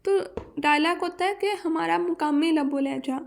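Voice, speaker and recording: A Pakistani woman teaching a lesson on pronunciation, reading English points slowly and then explaining them in Urdu. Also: very high-pitched, vocal fry.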